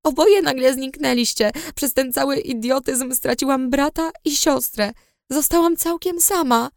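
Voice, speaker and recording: A woman's voice: sits high, a little slow, dry recording, studio quality, pitched above the performer's own voice. A woman voicing a curt, hurt teenage girl. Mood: bitter. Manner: curt, bitter, trembling. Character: upset teenage girl friend, cold and hurt.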